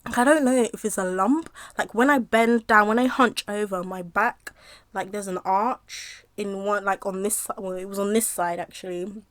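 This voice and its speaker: A young woman mukbang vlogger tells a story while eating, her voice middling in pitch and a bit bright. She rambles with many fillers and pauses to eat before picking the thread back up. The sound is dry and close, with no echo.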